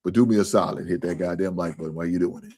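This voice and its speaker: A man's voice: low voice, very fast, darkish tone, husky. A man hosting a live sports stream in casual, profane talk, earnest and repetitive.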